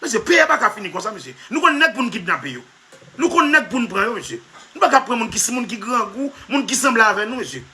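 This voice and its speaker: A male comedy vlogger speaks at a quick pace in an extremely high, sharp, very animated voice. Over and over he addresses "monsieur" in a comic monologue that is emphatic and repetitive, often half-laughing as he goes.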